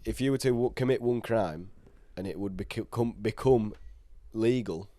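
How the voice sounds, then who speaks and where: A man's voice: on the low side, moderate pace, warm tone, no echo. A young man co-hosting a casual podcast chat, often stalling and restarting his phrases. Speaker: podcast co-host.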